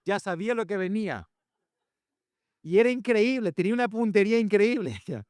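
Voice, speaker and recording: A male preacher gives a sermon, telling lively stories and acting out what people said. His voice sits fairly high and swings widely in pitch. The sound is dry and close on the microphone. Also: a little fast, dry recording. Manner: animated storytelling, acts out quotes. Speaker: pastor and family speaker.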